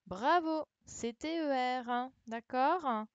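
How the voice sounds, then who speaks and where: Correcting a dictation online, a primary school teacher patiently spells letters and checks that the children keep pace. Her high-pitched voice is clean in tone and slow. The sound, from a computer mic on a video call, is dull and lo-fi with no echo.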